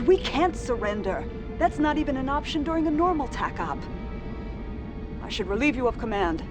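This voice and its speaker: A woman's voice: mid-range voice, natural voice. An actress playing an outspoken female second-in-command on a warship in a video game, with a blunt, intense military manner. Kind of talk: dramatic video game acting.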